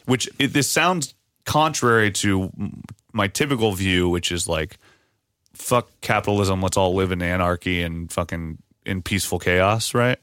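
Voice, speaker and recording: A man's voice: sits low, normal speed, a bit bright, clean tone, dry recording, clean studio sound. A man hosting a podcast in casual chat, rambling through ideas with restarts and frequent swearing. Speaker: podcast host.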